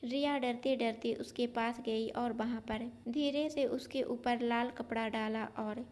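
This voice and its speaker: A woman telling a scripted family moral story, steady and plain. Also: fairly high pitch, measured pace.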